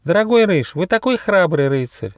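A man voicing a delicate, emotional female butterfly in a children's audiobook, speaking in a high, sighing voice. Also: lively intonation, normal speed, no room sound, studio quality. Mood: admiring. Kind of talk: audiobook character voice.

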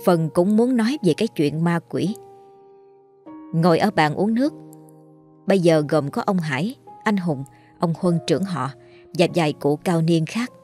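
A woman narrating a horror story in a steady, even storytelling voice. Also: fairly low pitch, moderate pace, pauses often. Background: faint music.

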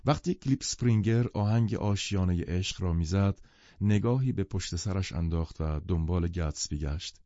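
A male audiobook narrator with a low, dark, mellow voice, telling the story in a measured way. The recording is dry and close, but dull and lo-fi. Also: no room sound. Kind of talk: scripted literary narration.

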